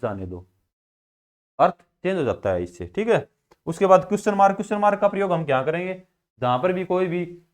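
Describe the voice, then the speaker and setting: A man with a Haryanvi Hindi accent teaching a school class, asking questions and then answering them himself. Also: fairly high pitch. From India. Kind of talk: classroom grammar lesson.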